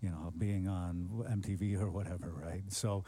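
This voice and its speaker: A radio show host with a very dark, mellow voice, recorded dry and close. He talks to his guest earnestly and at length, with plenty of fillers. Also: low-pitched, fairly even intonation, normal speed, husky, no echo. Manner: earnest, rambling, many fillers. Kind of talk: casual interview hosting.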